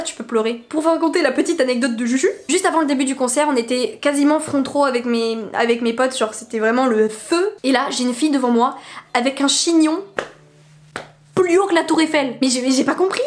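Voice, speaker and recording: A young woman giving casual vlog advice, chatty and animated, telling stories with laughs and exaggeration. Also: sits high, fast. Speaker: vlogger.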